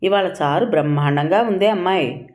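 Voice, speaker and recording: A woman's voice: on the low side, normal speed, a little mellow, lightly acted. A woman voicing a frail, stubborn old mother-in-law who speaks firmly and commandingly. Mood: pleased. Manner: firm, commanding, self-denying.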